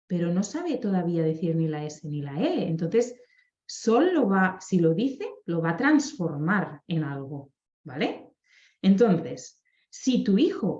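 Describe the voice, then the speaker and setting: A woman's voice: medium pitch, mellow, echoey room, lo-fi sound. A woman, a speech therapist explaining to parents on a live stream, often checking in with short tag questions.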